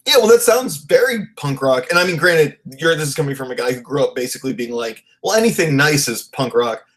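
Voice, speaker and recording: A man's voice: a little high, lively intonation, a little fast, fairly bright tone. A man in his late twenties hosting a podcast interview, rambling and loose, laughing often in casual chat. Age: 20s. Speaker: podcast host.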